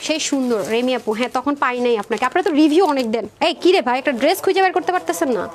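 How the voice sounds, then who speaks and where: A woman presenting dresses in a live sales stream, chatty and rapid, calling viewers sister. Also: high-pitched. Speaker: online clothing seller.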